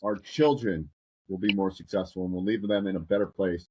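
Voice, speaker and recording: A man co-hosting a casual podcast, steady and reflective as he shares advice. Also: sits low, fairly quick, highs cut off, noisy background. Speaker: co-host.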